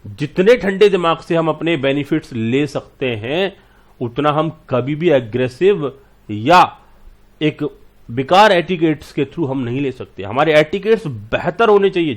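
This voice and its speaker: A man teaching a class and explaining patiently with everyday examples. He speaks to his students fondly and keeps checking that they follow. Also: on the high side. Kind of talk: classroom lecture.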